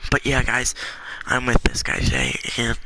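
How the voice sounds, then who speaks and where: A man's voice: mid-range voice, big pitch swings, normal speed, bright, forceful tone, a little hiss or hum, low-quality recording. A congested young man giving rambling, filler-heavy casual commentary while playing a game. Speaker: gaming YouTuber.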